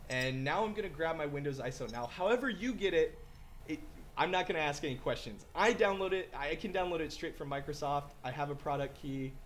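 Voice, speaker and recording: A man's voice: fairly high pitch, expressive, fairly quick, a bit bright, slight background noise. Chatty man narrating a tech tutorial. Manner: chatty and rambling, frequent ums and uhs; reassuring, careful about disclaimers. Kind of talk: casual screen-recorded tutorial narration.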